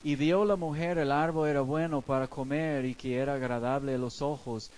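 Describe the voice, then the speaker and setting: A man's voice: mid-range voice, fairly even intonation, moderate pace, a little mellow, low-quality recording. A man preaching as a pastor, explaining scripture in a conversational way with everyday street examples. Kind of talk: sermon.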